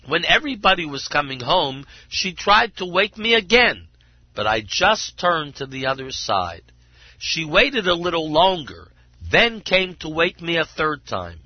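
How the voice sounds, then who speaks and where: A man's voice: a little high, sing-song, a little slow, no room sound. A man voicing a humble water carrier telling his story in plain, earnest words, in a dull lo-fi recording. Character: simple humble male water carrier, tearful.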